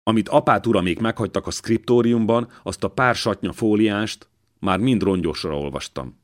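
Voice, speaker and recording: A man's voice: fairly low pitch, voice pushed up, lightly acted. A male reader voicing a restless young Benedictine monk who speaks in an impassioned, pleading way. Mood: eager, restless.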